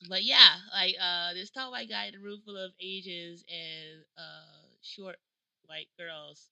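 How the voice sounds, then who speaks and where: A young woman co-hosting a podcast, telling stories in a giggly, animated way. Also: on the low side, slow, vocal fry, clear, resonant tone, no room sound, highs cut off. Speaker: podcast co-host. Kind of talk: casual chat. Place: South Korea.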